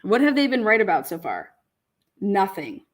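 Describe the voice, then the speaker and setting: Female co-host, casual stream chat, animated delivery, laughs a lot, salty language. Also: mid-range voice, moderate pace. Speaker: livestream co-host. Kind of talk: casual livestream chat reading viewer comments.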